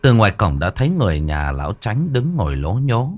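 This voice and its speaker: A man narrating a ghost story in a dramatic, expressive way. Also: on the low side, brisk.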